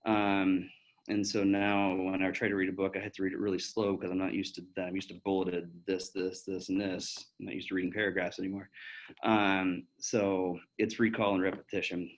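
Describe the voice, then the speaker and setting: A man's voice: sits low, flat delivery, brisk, poor audio. A man in his thirties, a physician talking casually to pre-med students and answering their questions in a candid, chatty way with plenty of fillers and restarts. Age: 30s. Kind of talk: casual Q&A talk.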